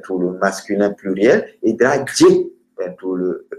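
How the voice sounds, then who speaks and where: Male teacher, lowish voice, halting lesson delivery with slowed examples, recorded in a reverberant room. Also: big pitch swings, a little mellow. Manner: hesitant, many filler sounds, slows down for example words. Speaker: language teacher. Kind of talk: explaining grammar with word lists. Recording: roomy echoey room.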